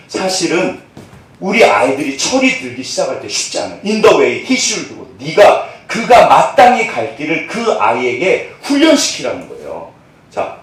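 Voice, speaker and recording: A man's voice: mid-range voice, very echoey, recorded from a distance, poor audio. A male pastor preaching a sermon, asking the congregation questions and answering them himself.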